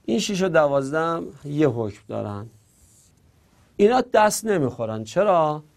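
A man's voice: a little high, darkish tone. A man teaching an Arabic grammar lesson, explaining step by step and answering his own questions.

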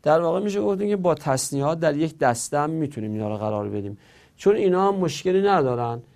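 A man's voice: fairly high pitch, expressive, creaky, a little mellow. A man teaching an Arabic grammar lesson, explaining step by step and answering his own questions.

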